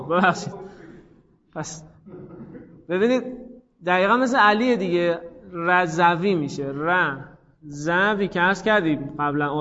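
A man's voice: sits high, fairly bright tone, big-room sound, muffled recording. A man teaching a grammar class, calling on students by name and thinking aloud. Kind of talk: classroom lesson on Arabic grammar.

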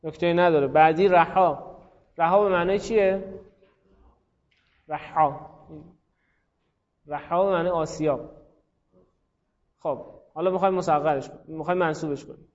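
A man's voice: fairly high pitch, pauses often, highs cut off. Man teaching a class in a reverberant room. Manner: questioning students by name, thinking aloud. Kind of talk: classroom lesson on Arabic grammar.

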